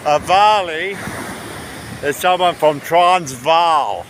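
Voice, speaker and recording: A slow-talking man with a voice on the high side delivers rambling, casual travel-vlog commentary during a beach walk. The recording picks up wind, waves and the ambience of the outdoors.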